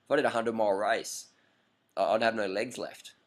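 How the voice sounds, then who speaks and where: A man in his thirties talks straight to the camera in a casual monologue. He is blunt and animated, firing off rhetorical questions and pushing his point home. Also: on the low side, fairly quick. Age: 30s. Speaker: vlogger. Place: lives in Bangkok.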